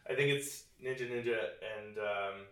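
A man's voice: medium pitch, moderate pace, a bit bright. A man co-hosting a casual movie chat, talking loosely with many fillers and frequent laughs. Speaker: podcast co-host. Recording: roomy echo, distant mic.

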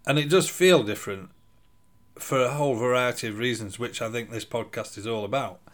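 A man's voice: mid-range voice, brisk, a bit bright. A middle-aged man from Sheffield, chatting casually as a podcast co-host. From Sheffield, England. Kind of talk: casual conversation.

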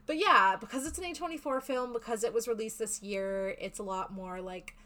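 A woman's voice: fairly high pitch, brisk, bright, forceful tone. A woman co-hosting a podcast, explaining in a rambling, chatty way. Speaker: podcast co-host. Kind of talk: casual podcast chat.

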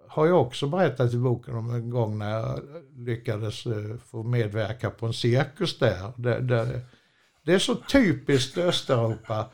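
A man's voice: medium pitch, creaky, a little mellow. An older man, a former truck driver, telling a long anecdote in a chatty, meandering way, with many fillers and restarts and frequent chuckles. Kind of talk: rambling anecdotal storytelling.

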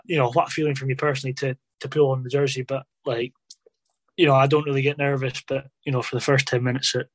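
Flat-toned man telling stories. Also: mid-range voice, no echo. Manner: rambling, full of fillers like obviously and you know. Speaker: former footballer guest. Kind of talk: casual interview storytelling.

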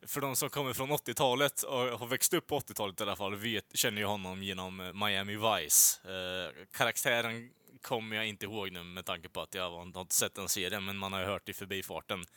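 Male co-host, rambling, hesitant, casual swearing, bright sharp tone. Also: fairly low pitch, steady tone, dry recording. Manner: rambling, many filler sounds, swears casually. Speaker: podcast co-host reviewing films and music. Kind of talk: casual chat.

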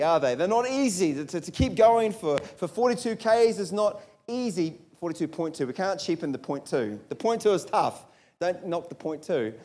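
A New Zealand pastor with a high-sitting, darkish voice delivers a conversational sermon in a church hall. He poses rhetorical questions to the congregation and restarts his sentences, speaking into a handheld or stage mic.

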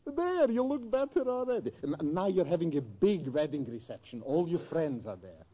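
An actor playing a flamboyant, wisecracking European professor, effusive and teasing, in a 1940s radio sitcom. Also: male voice, fairly high pitch, sing-song, normal speed, husky. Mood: affectionately teasing. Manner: theatrical, effusive. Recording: dull 1940s radio recording.

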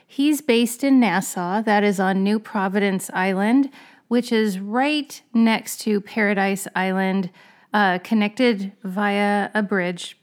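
A woman's voice: mid-range voice, slow. Chatty woman in her fifties co-hosting. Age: 50s. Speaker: podcast co-host. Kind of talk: podcast interview.

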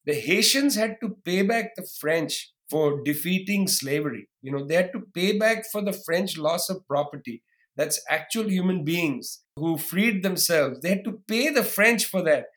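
A man, talking quickly and emphatically as a guest on a podcast interview, with sarcastic asides. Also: high-pitched, animated, fairly bright tone. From India. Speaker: guest historian.

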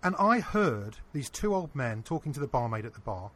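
A man with a husky, slightly breathy voice, telling a personal story to an interviewer. He talks casually, earnest and animated, with a middle-range pitch. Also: normal speed. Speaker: interview guest.

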